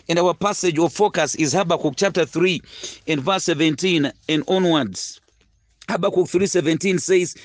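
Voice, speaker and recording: A man preaching a sermon, earnest and halting, full of fillers and repeated words. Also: high voice, no room sound. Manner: earnest, slows to stress key phrases. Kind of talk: recorded sermon teaching.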